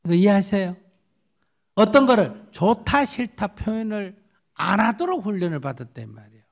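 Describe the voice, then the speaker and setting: A man, a Buddhist monk answering questions in an animated, storytelling way. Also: high-pitched, moderate pace, creaky. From South Korean countryside. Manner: animated storytelling, acts out quotes, rhetorical questions. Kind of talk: lively spoken dharma Q&A.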